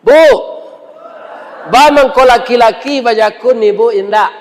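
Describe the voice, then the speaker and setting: High-voiced Minangkabau-accented preacher, joking. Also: male voice, a little slow, long reverb tail, a little hiss or hum. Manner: jokey, questions the audience, acts out quotes. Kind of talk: humorous sermon.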